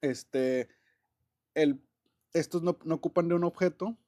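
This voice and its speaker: Man, English teacher, slightly high voice, casual, many fillers. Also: measured pace, mellow. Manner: chatty, many fillers and restarts, laughs often. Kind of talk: casual classroom explanation.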